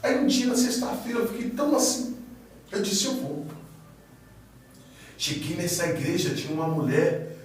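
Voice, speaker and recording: Brief: male testimony guest, high-pitched, animated storyteller, roomy distant sound with faint hiss. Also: fairly quick. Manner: animated storytelling, acts out quoted dialogue. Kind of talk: casual testimony chat. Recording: echoey room, far from mic, faint noise.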